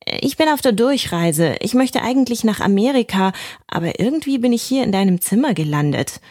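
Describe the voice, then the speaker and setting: Friendly male mouse, voiced by a woman: chirpy, high and loud, eager storybook traveler. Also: animated, brisk, dry recording, clean studio sound.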